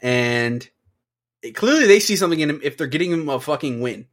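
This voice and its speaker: A man's voice: on the high side, animated, brisk. A man co-hosting a podcast, casually recapping results and reacting with offhand swearing. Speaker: wrestling podcast co-host.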